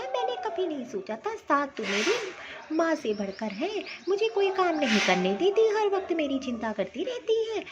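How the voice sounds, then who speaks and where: A woman's voice: high-pitched, dull audio. A woman voicing a cheerful young newlywed bride who speaks earnestly about her new in-laws. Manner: earnest, emphatic.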